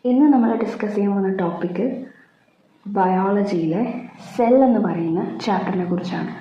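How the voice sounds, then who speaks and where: A woman's voice: mid-range voice, normal speed, warm tone, a little hiss or hum. A woman with a Malayali accent teaches a school biology lesson, switching between Malayalam and English mid-sentence and repeating key points in an explanatory way. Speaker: biology teacher for an online channel. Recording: roomy echo, slightly dull sound.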